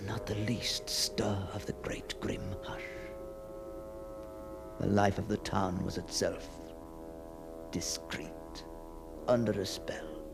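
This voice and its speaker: In a deep, exaggerated voice, an actor portrays a haunted gentleman consumed by obsession, telling his ghost story in a stagey, faltering radio monologue that keeps slipping into breathy whispers. The tone is brooding and desolate.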